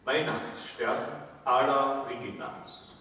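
A man's voice: mid-range voice, flat delivery, slow, pushed and bright, slight background noise. A man reciting comic poems in a theatrical, rhyming delivery at a live event in a concert hall. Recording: echoey hall from far off.

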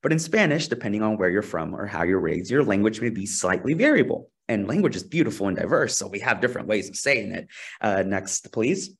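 Young guy from peru giving a webinar talk on a video call, kinda husky voice, lowish. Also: big pitch swings, brisk. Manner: earnest, asks for next slide, some restarts. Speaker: social scientist presenter. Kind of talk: webinar presentation. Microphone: video call webcam.

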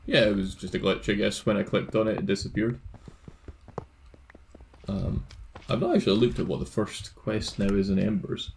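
A man in casual chat while playing a video game with a friend, relaxed, reading quest text aloud with a chuckle. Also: on the low side, moderate pace, creaky, long pauses, slight background noise. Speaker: co-host of a gaming series.

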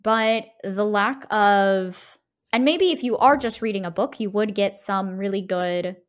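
A woman co-hosting a podcast explains her points casually but emphatically in a conversational game discussion, often checking in with short tag questions. Her voice is medium-pitched and unhurried.

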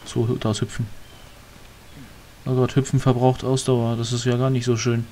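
Male let's-play commentator, mid pitch, mutters and rambles over gameplay, faint hiss behind. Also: monotone, moderate pace, warm tone. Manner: rambling, muttering to himself, mildly grumbling. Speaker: let's player.

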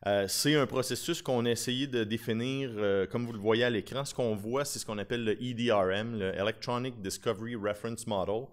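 Here a Québécois-accented lawyer in his thirties, whose specialty is digital forensics, presents at a conference with a steady, mid-range voice, talking a little fast with few pauses. Standing at a lectern in a conference room with a podium gooseneck microphone, he stays informal and talkative and often jokes at his own expense.

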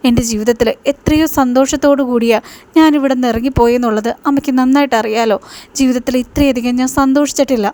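A woman's voice: on the high side, darkish tone, close to an everyday voice. A woman reading the lines of a tearful, pleading young wife in a plain retelling voice. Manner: earnest, plain retelling of her words.

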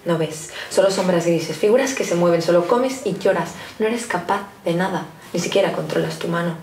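A woman's voice: fairly low pitch, darkish tone. A woman slam poet performing spoken word poetry with rhythmic, emphatic delivery in a library. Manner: rhythmic, emphatic recitation with sudden quickenings. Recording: roomy, distant live recording with faint noise.

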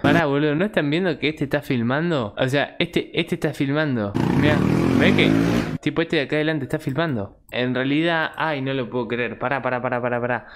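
Excitable young Rioplatense man ranting. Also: mid-range voice, brisk, very noisy. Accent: Rioplatense Spanish. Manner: slangy, profane, excitable. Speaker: streamer. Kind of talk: casual commentary rant.

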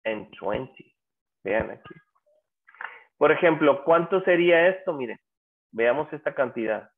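A man teaching an English class, drawing out his example words slowly and coaxing students to answer. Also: fairly high pitch, animated. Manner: slow, drawn-out English examples. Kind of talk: online class lecture. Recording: tinny phone-like audio.

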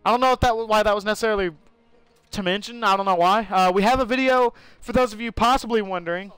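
A man's voice: high voice, quick pace, a bit bright, smooth, dry recording. A young man live-streaming a shooter game, rambling casually, swearing and laughing as he plays. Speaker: gaming streamer. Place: home room during a thunderstorm.

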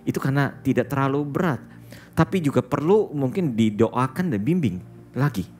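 A man's voice: mid-range voice, animated, normal speed, darkish tone, faint music behind. A male pastor preaching a sermon, telling a story and often addressing the congregation directly, with English words mixed into his speech.

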